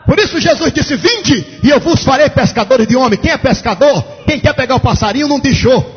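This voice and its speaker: A male pastor, telling a story in a sermon with fervent preaching that rises to shouts. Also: very high voice, expressive, a little fast. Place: large church. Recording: echoey church hall, dull lo-fi sound.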